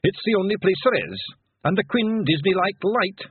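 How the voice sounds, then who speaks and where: Man voicing a tiny pictsie chief, male, Scottish brogue, raised and husky, tinny sound. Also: sits high, animated, normal speed, no room sound, pitched above the performer's own voice, exaggerated voice. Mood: boisterous. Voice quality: gruff broad brogue. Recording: tinny phone-like dry recording.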